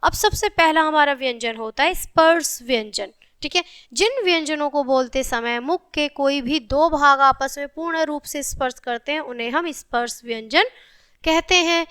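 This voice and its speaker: A woman teaching a grammar lesson to children. She spells out letters slowly and keeps checking in with "theek hai". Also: high voice, a bit bright.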